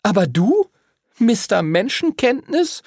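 A man's voice: high-pitched, sing-song, takes it slowly, a little mellow, slightly rough, no echo, clean studio sound, pitched above the performer's own voice, heavily acted. A man voicing a fiery, outspoken young schoolgirl who scolds her friends sharply. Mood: scolding.

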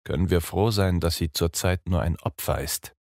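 Stern old professor, hushed and ominous, voiced by a deep male narrator. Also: moderate pace, gravelly, dry recording, studio quality. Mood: grave. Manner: quiet, low-spoken, grim. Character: grave elderly professor, calm and ominous.

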